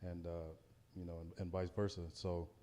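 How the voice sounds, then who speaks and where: A man's voice: deep voice, flat delivery, moderate pace, mellow, in a large hall. An American man, a heavyweight boxer, giving a casual pre-fight interview in a hesitant, circling way. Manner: hesitant, circling, repeats words.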